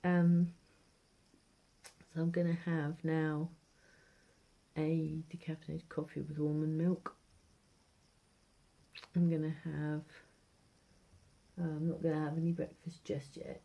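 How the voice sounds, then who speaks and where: Her voice sits low with little pitch movement, slow and full of vocal fry, with frequent pauses. She's a British vlogger at home chatting to camera for a food diary, rambling and hesitant, trailing off and repeating herself, in a muffled, noisy amateur video.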